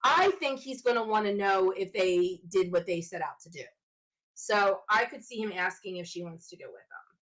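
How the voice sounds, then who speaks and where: A woman's voice: mid-range voice, expressive, normal speed, fairly bright tone, rough recording. A woman hosting her own show, talking casually on her own and thinking aloud as she speculates in a chatty way. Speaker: show host. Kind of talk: casual solo fan commentary.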